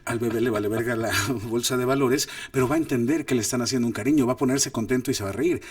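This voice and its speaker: Guy teaching acting, chatty and animated, mic a bit far off, dry sound. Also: medium pitch, fast talker, no echo. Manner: animated, demonstrates lines with exaggerated voices. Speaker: host and filmmaker teaching acting. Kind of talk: casual masterclass talk.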